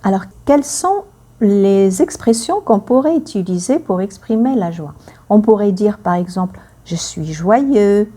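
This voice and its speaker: Slow, lively French teacher woman. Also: medium pitch. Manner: slow and clear, repeats phrases for learners. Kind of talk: slow language lesson with example phrases.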